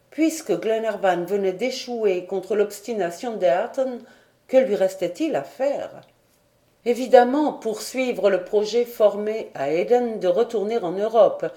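A woman reading a classic adventure novel aloud as an audiobook narrator, calm and even. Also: mid-range voice. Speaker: audiobook reader.

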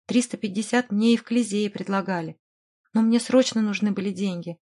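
A woman's voice: mid-range voice, a little fast, natural voice. A woman voicing an irritable, indignant middle-aged man in an audiobook, speaking agitatedly. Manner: agitated, shouting, exasperated. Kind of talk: audiobook character voice.

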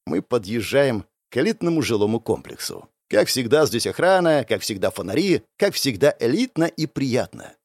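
A young man narrating a first-person novel aloud, lively with sarcastic asides. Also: mid-range voice, moderate pace, few pauses, no echo. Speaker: audiobook narrator.

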